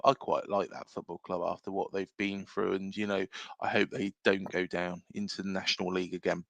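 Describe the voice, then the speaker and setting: A man's voice: on the low side, creaky, a bit bright, no room sound. An English man hosting a casual football fan livestream, rambling with lots of fillers and reading out viewer comments. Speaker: football podcast host.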